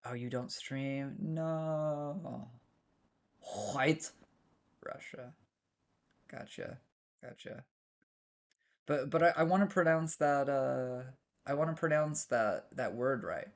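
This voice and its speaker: A man's voice: medium pitch, takes it slowly, long pauses. A young American man streaming a game, rambling casually and answering his chat with many restarts. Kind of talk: casual live-stream chat while gaming.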